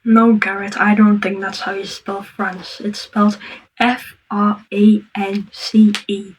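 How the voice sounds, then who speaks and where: Woman host reacting to a clip, flat and hesitant with many ums, slow careful explaining, mic set back a little. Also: mid-range voice, distant mic, slight background noise, poor audio. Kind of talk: commenting on a played clip.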